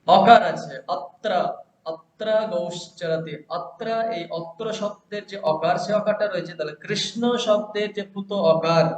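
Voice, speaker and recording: A man teaching a grammar lesson, who explains step by step and asks and answers his own questions. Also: high-pitched. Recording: echoey, dull lo-fi room recording with faint hiss.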